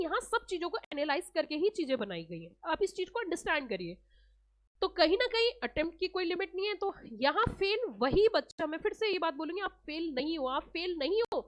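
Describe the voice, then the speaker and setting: Casting: high-pitched woman, exam coach, earnest and emphatic, repeats herself for effect. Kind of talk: motivational talk to students.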